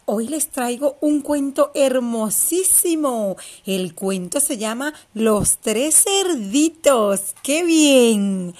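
A woman's voice: high-pitched, animated, drawn-out words, few pauses, darkish tone. A woman teacher telling a story to young children, affectionate and exclamatory, speaking to them directly.

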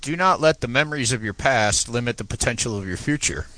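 Guy w a bright crisp voice reading quotes, dry sound. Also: medium pitch, brisk, no echo, rough recording. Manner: relaxed, reads quotes aloud. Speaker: co-host. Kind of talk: casual chat, reading quotes.

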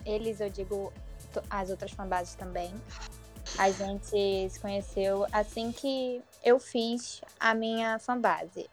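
A woman's voice: medium pitch, a little mellow. A woman with a strong carioca accent from Rio de Janeiro, chatting casually as a guest. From Rio de Janeiro, Brazil. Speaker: guest, fan page administrator. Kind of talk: casual chat.

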